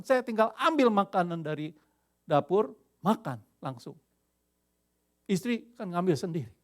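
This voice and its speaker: An older man from Indonesia preaching a lively sermon as pastor, dropping English phrases into his talk. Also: high voice.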